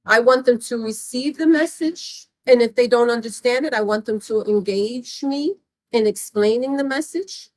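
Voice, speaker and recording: A woman's voice: a little high, normal speed, darkish tone, no room sound, rough recording. A woman explaining the meaning of her shirt in an earnest, emphatic street interview.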